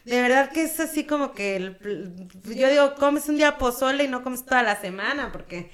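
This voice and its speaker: A woman's voice: sits high, lively intonation, moderate pace. A woman from Guerrero with a Mexican accent, chatting casually as a podcast guest. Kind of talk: casual chat.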